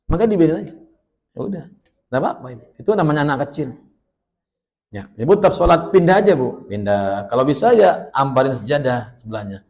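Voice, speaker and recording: A middle-aged man preaching in a small prayer room, chatting with his audience, asking them questions and swinging between loud bursts and soft asides. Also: a little high, expressive, brisk, reverberant. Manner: conversational, asks the audience questions. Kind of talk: religious study talk.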